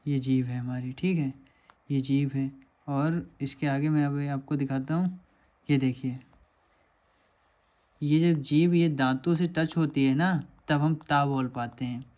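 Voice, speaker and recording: A man's voice: medium pitch, fairly even intonation, measured pace, a little mellow, dull audio. A man teaching a lesson over diagrams, patiently asking questions and answering them himself.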